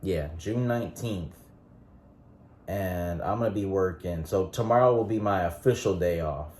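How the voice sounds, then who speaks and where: A man's voice: low voice, moderate pace. A man in his late twenties chatting casually in a vlog, rambling with lots of ums and restarts. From North Carolina. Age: 20s. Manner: relaxed rambling with frequent fillers and restarts. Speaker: vlogger.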